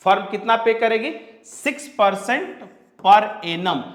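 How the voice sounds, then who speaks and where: A man's voice: high voice, animated, slow, fairly bright tone. A man from India teaching a commerce class, asking his students questions and repeating each point, with English terms mixed into his speech. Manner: mixes English terms into Hindi. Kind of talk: classroom lecture. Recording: roomy echo.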